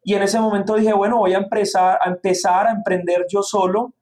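A man in his thirties, his voice sitting high for a man, with a Medellín Colombian accent. He tells his story earnestly, with many small fillers, as an interview guest. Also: flat delivery, brisk, a little mellow. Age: 30s. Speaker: guest, real estate investor.

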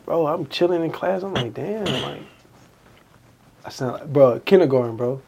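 A man's voice: a little high, normal speed, gravelly, a little hiss or hum. A young man hosting a podcast, chatting casually and acting out old conversations as he tells stories. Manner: animated storytelling, acting out past conversations. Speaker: podcast host. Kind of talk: casual chat.

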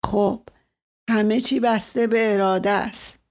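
A woman's voice: medium pitch, fairly even intonation, natural voice. A woman reading the lines of a bitter, irritable older colonel, father of grown daughters, in a curt, sour way in an audiobook. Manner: curt, sour, spoken quietly. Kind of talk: audiobook character voice.

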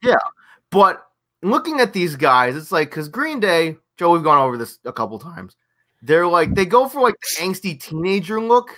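Podcast co-host, male, bright and lively, swears freely, rants with big swings in pitch. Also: normal speed. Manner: ranting, profane, animated storytelling. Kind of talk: casual podcast chat.

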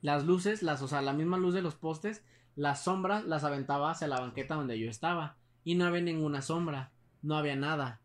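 A young man with a Mexican accent tells a spooky story to a friend, rambling and full of slang. He restarts his sentences often. His voice sits a little high for a man. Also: brisk. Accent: Mexican Spanish. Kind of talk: casual chat, telling a ghost story.

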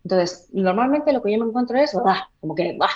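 A woman voice therapist explaining in a podcast interview, demonstrating by changing her volume and slowing down. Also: fairly high pitch, expressive, dark tone, muffled recording. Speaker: voice therapist and trainer.

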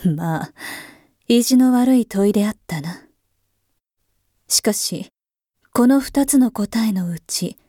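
In a voice drama monologue, a woman voices a weary, brooding emperor, musing slowly in a half-whispered, husky tone that is dark, mellow and mid-pitched. Her archaic, imperious phrasing carries quiet disdain and tiredness, and the dry, close recording has no room around it.

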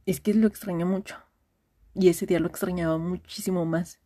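A husky, low-pitched Mexican woman in her twenties spills a long story to a friend in a voice message. Her tone is mellow and warm. She rambles in slang, restarting her sentences and piling on fillers. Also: steady tone, a little fast. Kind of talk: casual confiding story.

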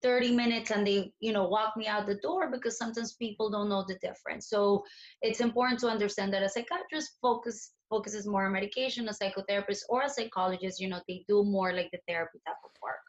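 A woman's voice: mid-range voice, fast talker, muffled recording. A woman from Colombia, a therapist guest on a podcast, explaining things in a thoughtful way with many "you know"s. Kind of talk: podcast conversation.

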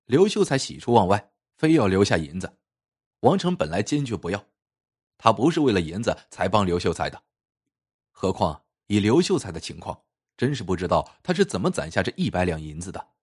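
A man narrating an old folk tale in an expressive, lilting storytelling way. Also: lowish voice, brisk, husky.

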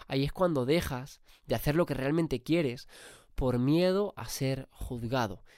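A man's voice: medium pitch, unhurried, darkish tone, no room sound, studio quality. Spanish man with a cold, motivating. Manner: emphatic, casual swearing. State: has a cold. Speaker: podcast host. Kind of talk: motivational podcast monologue.

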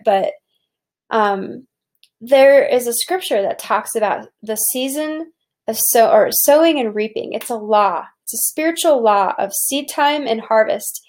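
A woman's voice: a little high, a little mellow. A woman who runs a soap business gives an earnest, preachy motivational talk about profit and faith, often restarting her sentences.

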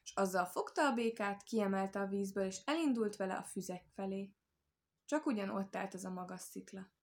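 A woman reading a children's animal fable aloud in an even, clear storytelling manner. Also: medium pitch. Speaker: audiobook reader. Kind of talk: scripted storybook narration.

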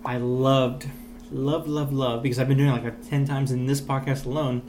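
A man's voice: mid-range voice, level tone, moderate pace, background noise. A man co-hosting a podcast, chatting casually about a movie and throwing in jokes and quips. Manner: joking, wisecracking interjections. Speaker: podcast co-host.

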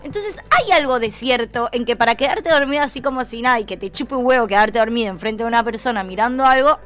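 A woman's voice: on the high side, fast talker, fairly bright tone, soft background music. Blunt, laughing Rioplatense woman. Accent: Rioplatense Spanish. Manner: blunt, laughing, swears casually. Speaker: podcast co-host. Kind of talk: casual chat.

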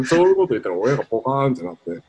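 A young man talking casually on a podcast, rambling through animated stories with self-mocking laughs. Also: medium pitch, quick pace, husky. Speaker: podcast co-host. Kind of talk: casual chat.

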